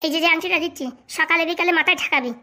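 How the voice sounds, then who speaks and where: Woman doing a shrill scheming con man. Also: steady tone, bright, forceful tone, heavily acted. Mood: scolding. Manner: bossy, fast-talking, scolding. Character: scheming young male con man posing as holy fortune-teller. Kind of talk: comic cartoon voice acting.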